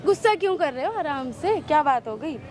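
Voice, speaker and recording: Brazen young daughter-in-law, played by a woman, very high voice. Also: lively intonation, a little fast, a little mellow, a little hiss or hum. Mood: defiant, mocking. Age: young adult. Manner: taunting, mocking, unashamed. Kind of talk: street social skit acting.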